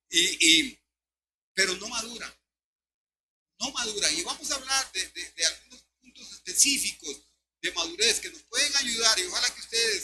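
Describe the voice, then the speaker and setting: An older man, preaching an emphatic sermon as pastor and often calling his listeners brother. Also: sits high. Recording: noisy recording with steady hum.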